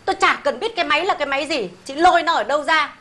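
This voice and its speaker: Brief: older sharp-tongued Northern Vietnamese mother-in-law, fairly high voice, nagging and sarcastic, sitcom. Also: animated, rapid-fire. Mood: scolding. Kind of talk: sitcom acting.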